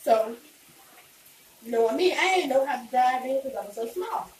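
A woman's voice: high-pitched, animated, moderate pace. A young woman chatting casually and playfully while eating, in a home mukbang vlog. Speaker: vlogger. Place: indoors, small home room. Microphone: phone camera a few meters away. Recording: distant, echoey, noisy phone-camera recording.

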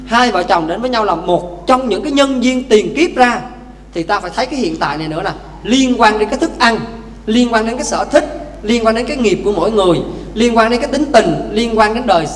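A man, a Buddhist monk, giving a lively dharma talk with stories, speaking directly to the congregation. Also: high-pitched, fairly quick. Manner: lively, addresses audience directly. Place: temple hall. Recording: echoey temple hall, faint hum.

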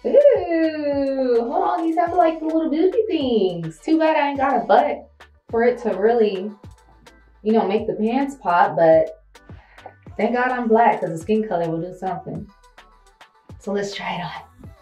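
A young woman unboxing clothes on camera in a small bare room, casual, excitable and chatty. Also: a little high, unhurried, reverberant, soft background music, low-quality recording. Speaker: beauty and fitness vlogger.

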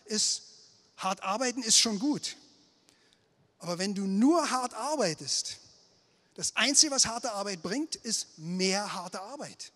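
A middle-aged man from Berlin telling a lively, self-mocking story about his career on stage, speaking into a handheld microphone. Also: high-pitched. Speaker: speaker at a failure-story night. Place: indoor event stage before an audience. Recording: long hall reverb of an event space.

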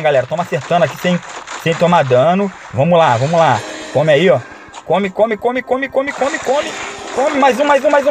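A young Brazilian man with a Brazilian accent giving excitable gameplay commentary, shouting and chanting in the busy moments. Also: on the high side, background noise. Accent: Brazilian Portuguese. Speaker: gaming YouTuber. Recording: loud game music underneath.

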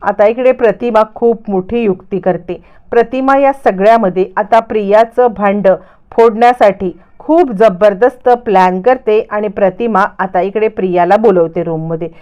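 A woman casually retelling a TV serial's plot, narrating lively and slipping into the voices of the characters. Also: mid-range voice, lo-fi sound. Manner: lively storytelling with quick shifts into voices. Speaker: storyteller.

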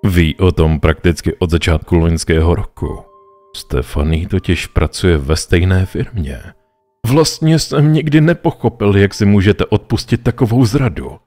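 Man doing a sly smug stranger, oily drawl, slow, bored, low voice, horror story, faint music behind. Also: lively intonation, dark tone. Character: sly, smug male stranger bargaining for sins.

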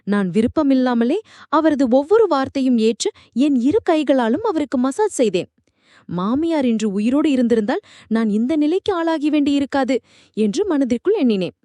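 A woman's voice: high-pitched, lively intonation, normal speed, dark tone, dry recording. A woman narrating a first-person story in a dramatic, emotive reading style.

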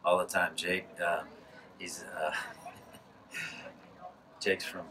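A man in his thirties, a high school baseball coach, talking casually in a postgame interview from a press box, with many restarts. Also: little pitch movement, very slow. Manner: casual, rambling with restarts and laughs. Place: press box above a lit ballfield at night. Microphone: headset mic. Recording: distant mic with background noise.

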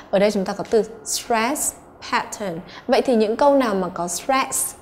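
A woman's voice: medium pitch, darkish tone, a little hiss or hum. A woman English teacher, patiently going through exam answers and checking in with her students.

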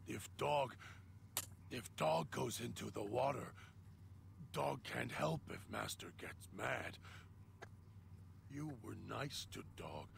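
Dog, a gravelly childlike mutant. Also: male voice, mid-range voice, animated, takes it slowly, long pauses, a little hiss or hum, heavily acted. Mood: pleading. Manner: simple broken speech, refers to self as Dog. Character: hulking childlike mutant, timid, talks in third person.

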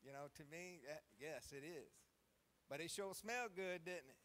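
A man's voice: fairly high pitch, moderate pace, a bit bright. A middle-aged man preaching a sermon in a church, folksy and emphatic, asking his congregation questions.

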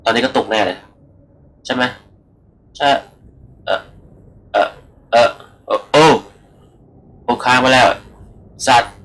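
A man's voice: mid-range voice, fairly even intonation, takes it slowly, pauses often, fairly bright tone, low-quality recording. Chatty young man doing let's-play commentary. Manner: rambling, chatty, swears freely, addresses viewers. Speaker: gaming channel host. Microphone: computer microphone.

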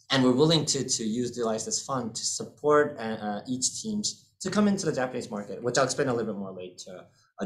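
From an indoor room on a webcam video call, a man in his thirties presents his fund to an online seminar through his laptop mic. Born in the UK and raised in the US and Hong Kong, he speaks with an American accent in a mid-range, fairly bright voice, often filling gaps and repeating words.

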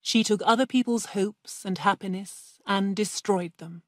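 A woman reading a quiet, weary grown son. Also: mid-range voice, a little slow, no room sound, clean studio sound, natural voice. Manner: quiet, subdued.

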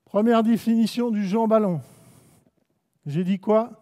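A man's voice: high-pitched, a little slow, mellow. A man with a French accent running a live basketball coaching clinic, calling out short commands and teasing players. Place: indoor basketball gym. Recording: long echo of a gym hall.

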